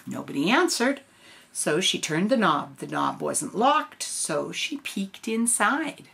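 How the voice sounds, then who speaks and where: An older woman reading a storybook aloud in a gentle grandmotherly way, adding casual asides. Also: on the low side, sing-song, takes it slowly, gravelly.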